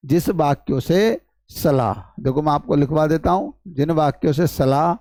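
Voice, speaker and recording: A man's voice: a little high, moderate pace, a little mellow, no room sound, clean studio sound. A man with a Hindi accent teaching an English grammar class, explaining step by step and asking the class questions. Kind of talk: classroom lecture.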